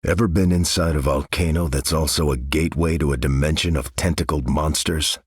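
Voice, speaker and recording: An American man voices Captain America in a video game, a stalwart veteran soldier hero and earnest, commanding leader, delivering character lines with military phrasing in an earnest, measured mood. His bass voice is brisk and fairly even in intonation, with a breathy edge. The studio recording is clean, with no room sound.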